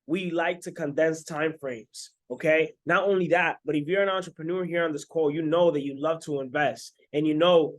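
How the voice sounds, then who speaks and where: A Dominican man in his twenties, a self-made online business coach, pitches straight to his viewers in a motivational sales talk to camera. His slightly high voice carries pumped, salesy energy, and he tacks a quick "right?" onto his points.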